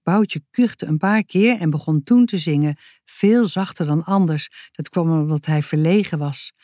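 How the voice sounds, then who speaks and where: Calm woman reading a children's story. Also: low voice, a little slow, no echo, studio quality. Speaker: narrator. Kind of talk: children's audiobook narration.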